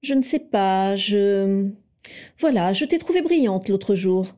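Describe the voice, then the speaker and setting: A woman reading the lines of a smug, playful teenage boy wizard in a storybook reading, in a raised, mellow voice. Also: mid-range voice, lively intonation, slow. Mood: smug teasing. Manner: playful, self-satisfied.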